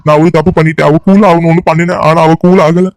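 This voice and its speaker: A woman's voice: on the low side, fairly even intonation, quick pace, no echo, lightly acted. A woman doing a whiny henpecked cartoon husband. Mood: whining. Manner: whiny, pleading complaints. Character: bumbling henpecked husband, middle-aged man. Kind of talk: cartoon comedy voice acting.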